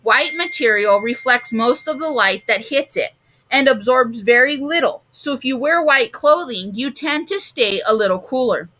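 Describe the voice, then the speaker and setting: A woman reading the lines of a patient man explaining science to children in a storybook, in a calm explaining tone. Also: high-pitched, normal speed, heavily acted.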